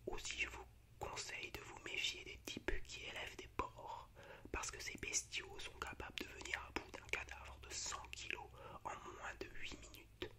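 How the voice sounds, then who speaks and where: An ASMR host, male, whispers his way through cinematic monologues. The whisper is breathy and unvoiced, and his pacing is relaxed yet a bit halting.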